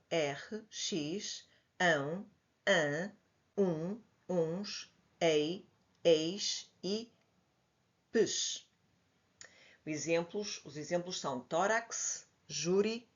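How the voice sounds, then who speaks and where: A woman with a European Portuguese accent, teaching a grammar lesson and patiently explaining, spelling examples out slowly. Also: fairly low pitch. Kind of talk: slide-based grammar lesson. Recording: dull lo-fi audio.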